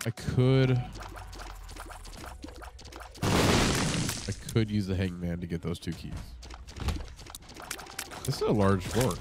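A man's voice: low-pitched, slow pace, pauses often, background noise. A man with a congested voice giving casual, rambling gameplay commentary at home, swearing often and full of fillers. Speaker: gaming channel host. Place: home setup with monitor.

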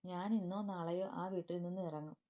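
A woman voicing a young woman who is a grieving, tender elder sister, speaking softly and affectionately. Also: on the low side, steady tone, a little fast, lightly acted. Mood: sorrowful. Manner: soft, affectionate, sorrowful.

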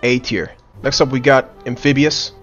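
A man's voice: mid-range voice, steady tone, normal speed, fairly bright tone, lo-fi sound. Young man, blunt slangy commentary over music. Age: young adult. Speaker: video creator rating game skins. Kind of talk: humorous tier-list commentary. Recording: music behind the voice. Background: background music.

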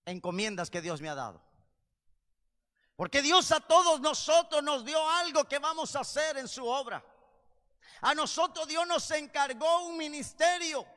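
A man preaching a sermon with passion, swinging between loud cries and low, intense passages. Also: animated, unhurried. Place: church. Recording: long reverb of a church hall.

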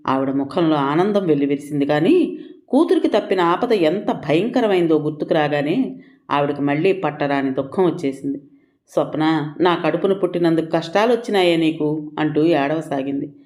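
A storyteller reads a novel aloud in a measured, expressive manner. The voice sits at a middle pitch, steady and scripted.

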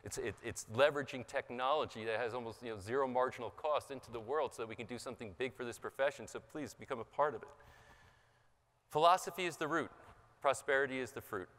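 A man giving an impassioned motivational seminar talk, raising his pitch for emphasis, recorded in a large conference hall. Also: fast, a bit bright. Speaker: seminar speaker. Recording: large hall with long reverb.

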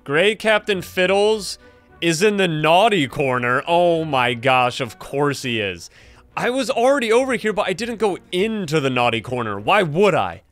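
A young adult man hosting gameplay commentary in an animated, exclaiming way, close on a streaming mic. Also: on the high side, normal speed, faint music behind. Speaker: gaming video host, streamer.

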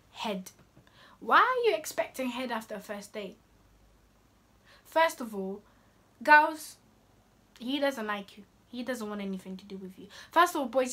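Young woman vlogger, high voice, sassy, playful delivery. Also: a bit bright. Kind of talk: casual talk to camera.

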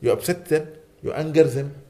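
A man with a slightly high, brisk, mellow voice speaks as a sheikh giving a lecture in a lecture hall. He delivers a sermon, pressing his listeners with one rhetorical question after another.

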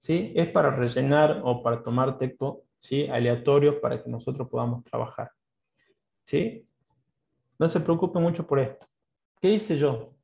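A man's voice: mid-range voice, moderate pace, gravelly, darkish tone. A man with a Salta Argentine accent teaching an online programming class, explaining patiently and often checking in with a questioning "¿sí?". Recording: dull roomy online class audio.

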